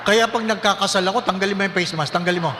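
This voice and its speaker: A man's voice: high voice, fast, big-room sound, background noise. A priest preaching a sermon with humor, putting on the voices of people in his stories and asking the congregation questions. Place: church.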